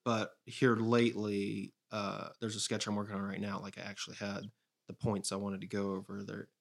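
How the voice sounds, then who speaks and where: A sketch writer appearing as a guest on a comedy podcast chats casually, rambling and cracking jokes as he corrects himself. His voice is gravelly and monotone, fairly low in pitch, at normal speed.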